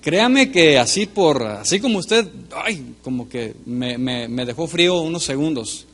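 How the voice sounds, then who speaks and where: Man, pastor, sermon, slightly high voice, emphatic, loud-to-soft swings, speaks to congregation. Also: expressive, unhurried.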